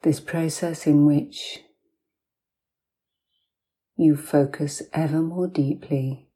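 Soft, soothing, and breathy to the point of near-whispering, a woman narrates guided hypnosis as a sleep story. Her voice sits low with fairly even intonation, and long pauses separate her short phrases.

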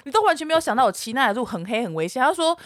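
Fast-talking Taiwanese woman storyteller. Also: sits high, very noisy. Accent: Taiwanese Mandarin. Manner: animated storytelling, acts out quarrels. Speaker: podcast co-host. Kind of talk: casual chat.

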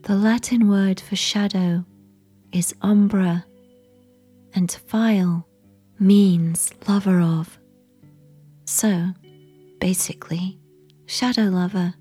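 Slow whispering woman, sleep story. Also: mid-range voice, fairly even intonation, slightly rough, soft background music. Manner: soft unvoiced whisper, slow and soothing.

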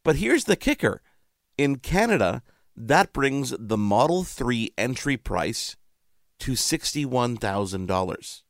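A man's voice: medium pitch, big pitch swings, takes it slowly, no room sound, studio quality. A man hosting a radio show in casual chat, chatty and playful, often interrupting himself.

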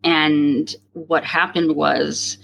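A woman's voice: low-pitched, flat delivery, extremely slow, gravelly, fairly bright tone, breathy edge, dull audio. A woman chatting casually, telling a reflective story. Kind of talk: casual chat.

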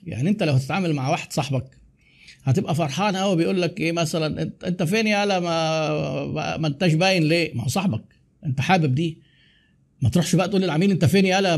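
An Egyptian man talks through his ideas in a rapid, casual monologue. His voice sits a little high and has a husky edge. He fires off quick asides as he goes. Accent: Egyptian Arabic. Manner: fast, conversational, animated asides. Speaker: podcast host.

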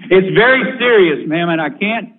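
A man calling a sheriff's office over the phone, talking in a halting, hesitant and evasive way. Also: high-pitched, expressive, slight background noise. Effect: heard over a phone line. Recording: tinny, dry phone line.

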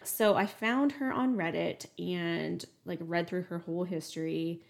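A woman's voice: lowish voice, unhurried, gravelly. A young woman chatting casually as a podcast co-host, filling her talk with "like" and "um". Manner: chatty, lots of "like" and "um" fillers. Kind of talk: casual true crime chat.

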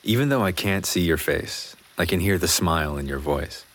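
A deep-voiced American biker. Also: male voice, lively intonation, moderate pace. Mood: intimate narration.

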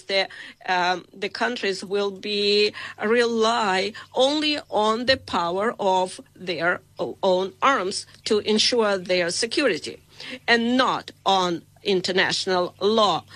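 A simultaneous interpreter giving a live voice-over of a speech, halting, with fillers and restarts. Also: medium pitch, pushed and bright, no room sound.

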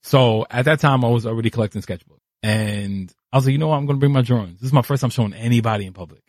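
New guy, rapid lively storytelling, kinda low voice, dry close sound. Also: no echo. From New York City. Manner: animated, acts out quoted voices. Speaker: guest artist. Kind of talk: casual interview storytelling. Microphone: podcast studio mic.

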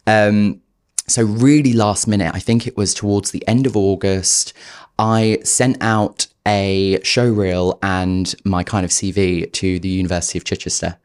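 A man's voice: sits low, a little slow, clean tone. A man, a podcast guest telling his life story candidly and acting out what he once said to himself. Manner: animated, acts out his past self in quotes. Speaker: podcast guest, performance coach.

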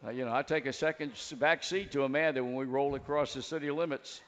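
A man's voice: mid-range voice, steady tone, fast, a bit bright, in a large hall. Folksy male sports radio host. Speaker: radio talk show host. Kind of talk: sports call-in radio talk.

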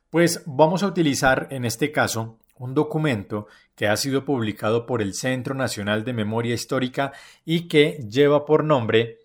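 A man hosting and narrating a documentary segment in a measured, explanatory way. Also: mid-range voice. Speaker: program host and narrator.

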